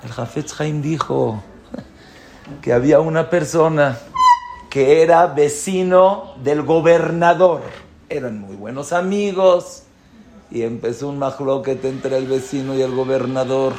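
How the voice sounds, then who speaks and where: A man teaching a lively Torah class, asking his listeners questions. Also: medium pitch, a little slow, a little hiss or hum. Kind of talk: animated religious lesson.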